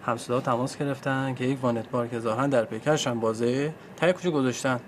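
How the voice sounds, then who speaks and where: A man's voice: mid-range voice, steady tone, a little hiss or hum, natural voice. Casting: a man as a formal, businesslike cop, faint outdoor ambience. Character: formal police officer, businesslike. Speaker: police officer.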